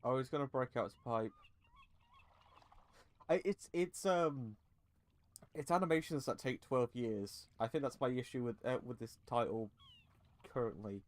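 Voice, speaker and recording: A man's voice: mid-range voice, unhurried, pauses often. A man hosting a let's play with casual commentary and impatient, sweary asides.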